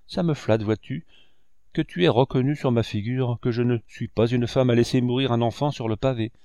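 A man's voice: medium pitch, normal speed, dark tone, smooth, dry recording, lightly acted. A man voicing a kind, plain-spoken motherly market woman in an audiobook reading. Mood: kindly.

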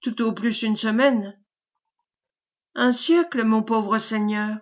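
A woman reading the lines of a servile, scheming man who flatters in a caressing, obsequious tone, in a storybook reading. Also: a little high, takes it slowly, muffled recording. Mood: fawning. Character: fawning, sly male schemer, servile and unctuous.

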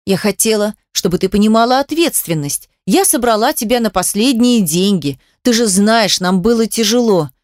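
A woman's voice: medium pitch, animated, moderate pace, few pauses, darkish tone, dry recording, clean studio sound, lightly acted. A woman voicing a middle-aged mother who is pushy, defensive and reproachful on the phone with her daughter.

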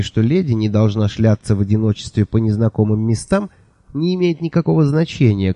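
A man reading the lines of an irritable, sharp-tongued elf-like young woman in an audiobook, in a snappish manner. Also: on the low side, dry recording, dull audio, close to an everyday voice.

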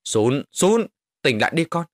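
A man's voice: lowish voice, animated, fast, fairly bright tone, dry recording, clean studio sound. A man voicing a worried father urging his son awake.

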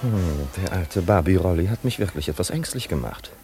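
An actor playing a fussy, anxious wealthy party host, fretful and pedantic, in an old radio drama. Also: male voice, deep voice, expressive, fairly quick, mellow, faint music behind.

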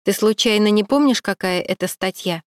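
A woman's voice: mid-range voice, normal speed, no room sound, clean studio sound, natural voice. A woman voicing a stern middle-aged police captain who questions coldly and with irony. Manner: cold, pressing, ironic.

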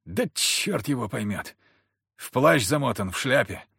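A man's voice: mid-range voice, lively intonation, a little slow, creaky, fairly bright tone, breathy edge, dry recording, clean studio sound, exaggerated voice. A man voicing an older, rattled shopkeeper who speaks in folksy, grumbling phrases.

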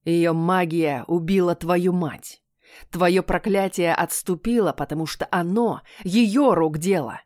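A woman reading a stern, furious old king in an audiobook, speaking slowly and condemningly. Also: darkish tone, dry recording, studio quality, lightly acted. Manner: slow, booming, condemning. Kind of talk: audiobook character voice.

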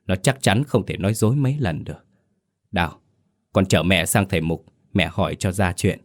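A man's voice: deep voice, moderate pace. A man voicing an elderly village mother in a ghost story audiobook, stammering and wailing in a raised voice. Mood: firm.

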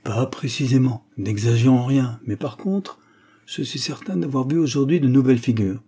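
A man reading the part of a calm, confident detective in an audiobook, explaining steadily. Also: mid-range voice, normal speed, slightly rough. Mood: assured. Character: calm, confident male detective, sharp-minded.

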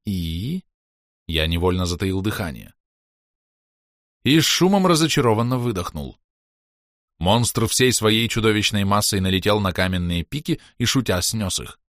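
A man narrating a first-person fantasy audiobook in a lively, expressive way. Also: on the low side, moderate pace, no room sound, clean studio sound.

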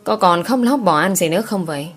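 A woman's voice: on the low side, animated, fairly quick, faint music behind. A woman voicing a stern middle-aged countryside mother who scolds her daughter firmly. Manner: firm, scolding.

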